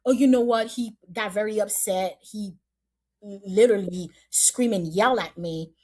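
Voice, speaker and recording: A woman's voice: mid-range voice, a little slow, warm tone. A woman casting director chatting in an interview, repeating and restarting her phrases as she talks. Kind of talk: casual interview chat.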